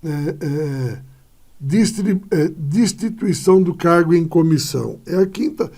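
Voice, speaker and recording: Gravelly, husky male teacher. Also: a little high, animated, unhurried, mellow. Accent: Brazilian Portuguese. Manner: explanatory, checks in with "tá?" and "ó". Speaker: Portuguese grammar teacher. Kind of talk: classroom lesson on punctuation.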